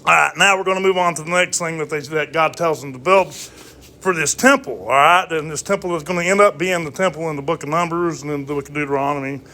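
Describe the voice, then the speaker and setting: A man with a bright, fairly high voice teaches a casual Bible study. He reads verses slowly and deliberately, then explains them in a loose, conversational way, often asking "all right?" A faint hum of noise sits behind him.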